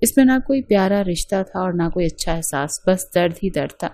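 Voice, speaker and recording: A woman telling a scripted story in the first person, in a steady and even way. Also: lowish voice.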